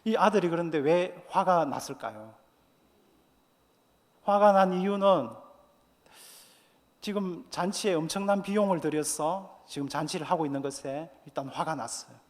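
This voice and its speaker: A male pastor delivers an earnest sermon in a slightly high voice, asking his listeners questions and building his points. The sound hangs in a long, reverberant church hall. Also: normal speed, long pauses. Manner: earnest, with rhetorical questions and quoted scripture.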